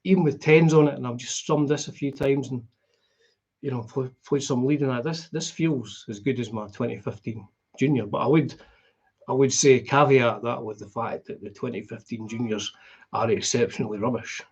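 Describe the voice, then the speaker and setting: A middle-aged man speaks in a broad Scottish accent with a husky, slightly rough voice at an average pitch. He chats casually and meanders from thought to thought, like a hobbyist hosting a live stream. The audio is a bit dull and lo-fi. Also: moderate pace, darkish tone. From Scotland. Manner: rambling, conversational. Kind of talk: casual chat.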